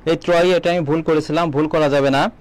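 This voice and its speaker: A young man teaching a live online exam-prep class, asking quick questions and reading out viewers' comments. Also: a little high, steady tone. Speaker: admission coaching teacher.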